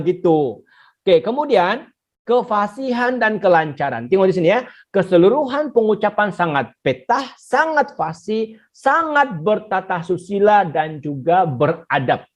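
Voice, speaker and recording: A teacher giving an online exam-prep lesson, repeating key points and talking straight to the pupils. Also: medium pitch. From Sabah, Malaysia. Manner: repetitive, coaxing, addresses pupils directly. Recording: slightly muffled recording.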